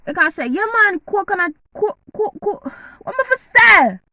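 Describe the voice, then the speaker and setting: A woman's voice: extremely high pitch, very animated, normal speed, pushed and bright, no room sound, low-quality recording. A woman from Jamaica with a Jamaican accent, chatting playfully to camera and eating as she talks. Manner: playful, teasing, eating while talking. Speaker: vlogger. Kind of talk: casual chat to camera.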